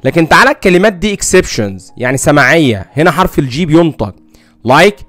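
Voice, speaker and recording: A man's voice: fairly high pitch, expressive, brisk, a bit bright, no echo, soft background music. A man with an Egyptian Arabic accent teaching an English phonics lesson and reading example words one at a time.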